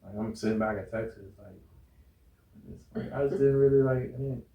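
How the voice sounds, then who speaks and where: An American man, a guest in an interview, talks candidly and casually about a relationship, rambling and repeatedly saying "you know what I'm saying" to check in with his listener. His voice is medium-pitched and fairly quick, and the audio sounds dull, roomy, and echoey.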